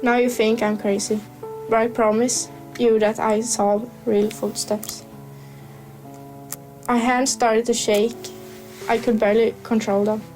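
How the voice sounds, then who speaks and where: Woman reading a horror tale, high and flat. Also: measured pace, pauses often, soft background music, rough recording. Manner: reads carefully, with small stumbles and restarts. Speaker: storyteller. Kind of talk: first-person scripted horror narration.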